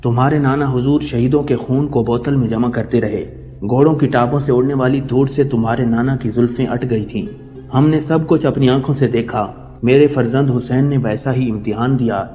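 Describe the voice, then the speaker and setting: A gentle, consoling father's spirit speaking to his daughter from the dark, voiced by a man in his narrating tone. The pitch sits in the middle, and a long reverb hangs behind each phrase. Soft music runs underneath. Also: close to an everyday voice.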